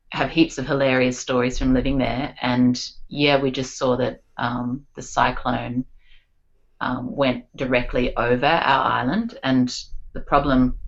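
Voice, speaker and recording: A woman's voice: rumbling low, lo-fi sound. A woman, chatting casually as a guest on a podcast, peppering her talk with "like" and "um". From Australia. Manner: chatty, lots of "like" and "um". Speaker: guest singer-songwriter.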